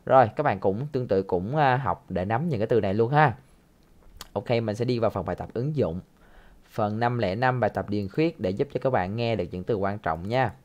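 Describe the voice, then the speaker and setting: A man teaching an English listening lesson, patiently repeating phrases and adding soft tag words. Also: fairly low pitch, fairly quick, dull audio, a little hiss or hum.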